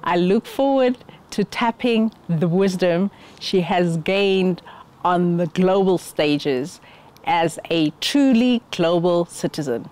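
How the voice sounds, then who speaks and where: A woman's voice: lowish voice, animated, slow pace, darkish tone. Affirming woman host from South Africa. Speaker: podcast host. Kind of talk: interview.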